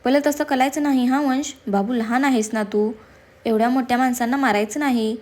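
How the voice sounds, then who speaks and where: A woman voicing a loving elderly grandmother who gently scolds and coaxes the family in an audio story. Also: fairly high pitch, brisk, close to an everyday voice. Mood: affectionate.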